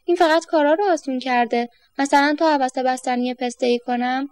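An eager, cheerful young boy from a storybook, curious and full of wonder, voiced by a woman reader. The voice is high and sits close and dry. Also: fairly even intonation, a little mellow, no echo, natural voice.

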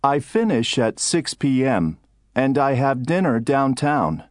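An adult tour guide describing his day in textbook listening audio, as a man reads the part. His intonation rises and falls a lot, and the recording is dry. His pitch sits in the middle. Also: big pitch swings, no room sound, lightly acted. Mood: plain. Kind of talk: scripted textbook dialogue.

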